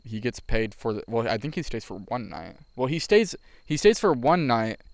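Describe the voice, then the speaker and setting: A man's voice: medium pitch, big pitch swings, normal speed, no echo. Young man telling a rambling story. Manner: rambling storyteller, laughs through his own story. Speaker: podcast co-host. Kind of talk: casual chat.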